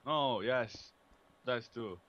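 A man's voice: mid-range voice, very slow, fairly bright tone, muffled recording. A young man giving short, blunt replies while he plays a co-op game with a friend. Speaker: gamer. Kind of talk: casual co-op gameplay chat.

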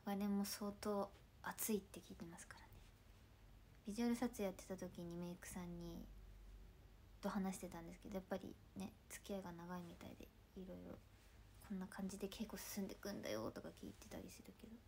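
A woman in her twenties from Ibaraki, Japan, hosting a casual livestream chat in a chatty, playful way, often dropping into soft murmured asides. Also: medium pitch, steady tone, quick pace, a little hiss or hum. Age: 20s. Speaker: idol livestream host.

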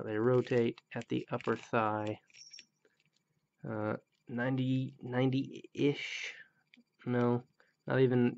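Gravelly, grumbling man reviewing a toy. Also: medium pitch, a little mellow, muffled recording. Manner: blunt, grumbling and critical. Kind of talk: casual product review.

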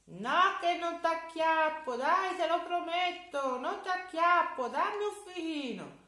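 A woman with a Tuscan accent voicing a hungry, sly, boastful giant in a loud, booming, wheedling voice for a children's story. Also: lively intonation, slow pace, exaggerated voice. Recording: echoey room.

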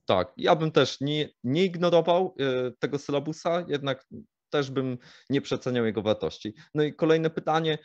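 A man co-hosting a vlog, asking measured follow-up questions in a casual talk. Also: on the high side, a little mellow, no room sound, lo-fi sound. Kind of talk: casual conversational Q&A.

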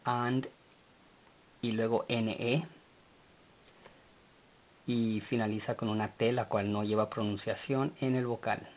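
Slow, deliberate man spelling out words. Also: lowish voice, little pitch movement, muffled recording. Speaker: language teacher. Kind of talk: slow spelled-out language lesson.

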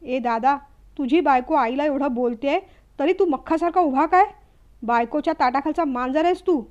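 A woman's voice: high voice, brisk, a little mellow, lightly acted. Spoiled younger brother, sneering and demanding, voiced by a woman; lo-fi. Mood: irritated. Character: hot-tempered young man, spoiled younger son.

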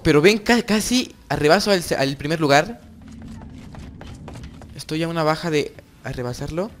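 A young man giving excited gameplay commentary as host of his gaming channel, repeating phrases over and over. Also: a little high, normal speed, a little hiss or hum.

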